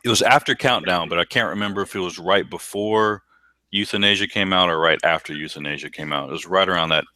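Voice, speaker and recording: Deep-voiced man telling rambling stories. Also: quick pace, bright, forceful tone, no echo. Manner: rambling storyteller, many ums and restarts. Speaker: podcast co-host. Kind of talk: casual chat.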